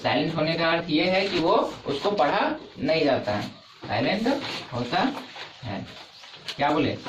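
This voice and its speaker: A man teaches a classroom lesson and keeps checking with his pupils through repeated questions. He is recorded from far off in an echoey room. Clear background noise sits under his voice. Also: a little high, lively intonation, moderate pace. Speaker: English teacher.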